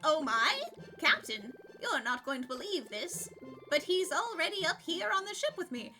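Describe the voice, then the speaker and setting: A woman reading the lines of an eager, friendly spaceship crew member in an earnest, excited way. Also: sits high, normal speed, over music.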